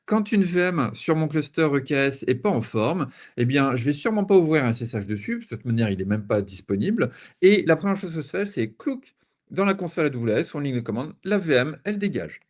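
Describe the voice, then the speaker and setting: A man's voice: fairly high pitch, big pitch swings, fairly quick. A man from France giving a technical conference talk with playful analogies, sometimes stumbling over repeated words. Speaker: conference speaker.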